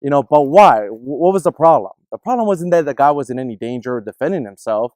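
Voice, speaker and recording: A man telling a personal story in casual discussion, animated and acting out the people in it. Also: mid-range voice, fast, dry recording, studio quality. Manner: animated, acts out other people's voices in his stories.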